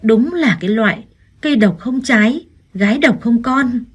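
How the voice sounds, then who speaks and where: A woman voicing a spiteful older mother-in-law who scolds harshly, in a husky voice. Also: a little high, lively intonation, normal speed. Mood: furious. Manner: accusing, harsh.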